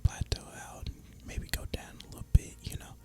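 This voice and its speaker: Whispering breathily without voicing, a man rambles in a relaxed, casual way while hosting an ASMR gaming video, moving at a fairly quick clip.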